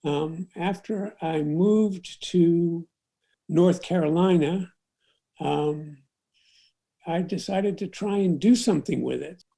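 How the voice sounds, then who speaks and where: Older man, gravelly, unhurried storyteller. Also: a little high, warm tone. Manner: unhurried, with many fillers and restarts. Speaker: documentary photographer. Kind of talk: reflective storytelling interview.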